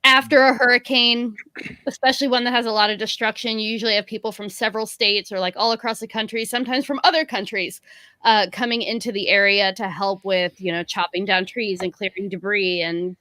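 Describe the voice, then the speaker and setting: Chatty woman cohost, new york born tampa raised, bright voice, lots of "like" and "you know". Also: medium pitch, fairly even intonation, a little fast, dry recording, clean studio sound. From born in New York City, raised in the Tampa area. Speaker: podcast co-host. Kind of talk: casual chat about baseball.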